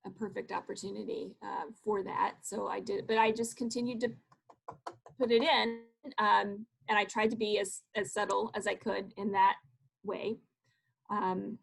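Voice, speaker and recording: A woman professor candidly telling a personal story, animated and laughing between phrases. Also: mid-range voice, vocal fry, low-quality recording. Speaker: guest speaker, professor. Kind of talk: casual storytelling.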